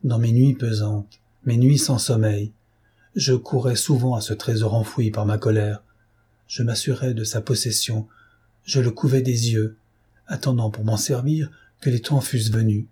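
Storybook figure: a male reader doing a grim old Spanish noble, husky and dark, bitter, vengeful. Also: medium pitch, fairly even intonation, moderate pace. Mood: brooding. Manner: brooding, bitter, declamatory. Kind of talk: audiobook reading.

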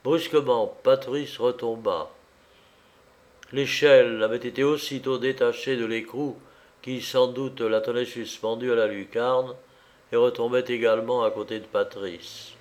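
A man narrating a novel as an audiobook in a measured, dramatic way. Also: medium pitch, steady tone.

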